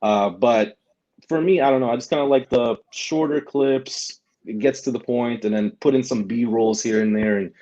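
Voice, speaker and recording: A warm, mid-range voice at a moderate pace belongs to a young German guest, a delivery driver and vlogger, in a casual interview chat. He rambles, restarting often and using tags like "right?". The audio is muffled.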